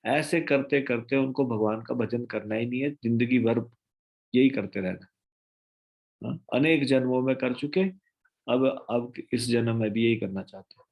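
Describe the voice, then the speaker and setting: A man's voice: medium pitch, moderate pace, dull audio. A man giving a devotional scripture lecture, telling stories, asking rhetorical questions and slipping in English phrases. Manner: storytelling, mixing in English phrases. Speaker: spiritual lecturer.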